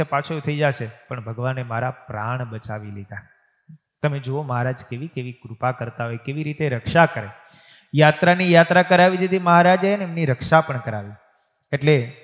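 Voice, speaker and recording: Man telling devotional stories in a reverberant temple. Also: medium pitch. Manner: storytelling, acting out the voices in his tales. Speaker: swami preacher. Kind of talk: devotional story sermon. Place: temple hall. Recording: long reverb of a temple hall.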